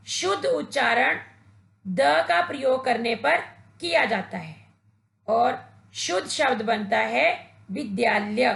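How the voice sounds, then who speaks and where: A woman's voice: high voice, creaky, a bit bright, roomy sound. A woman teacher giving a patient, instructive grammar lesson to children, addressing them directly. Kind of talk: slow, deliberate Hindi grammar lesson for children.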